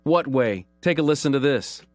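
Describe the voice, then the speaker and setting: A man hosting a call-in radio show, giving commentary and reading news headlines aloud in an earnest, emphatic way, slowing down to stress key phrases. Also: mid-range voice, lively intonation, no room sound, soft background music.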